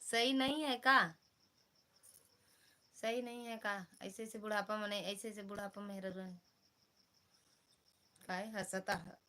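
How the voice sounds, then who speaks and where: A woman's voice: mid-range voice, level tone, normal speed, pauses often, fairly bright tone. A woman with an Awadhi accent chatting casually on a live stream from her phone at home, teasing viewers by name while she is feverish. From Uttar Pradesh, India. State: feverish, has a headache.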